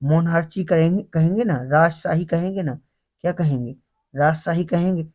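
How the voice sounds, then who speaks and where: A man's voice: fairly high pitch, a little mellow. A man teaching English vocabulary for an exam in Hindi, asking students questions and then answering them himself. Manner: reads English slowly, then explains in Hindi. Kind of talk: exam-prep grammar lesson.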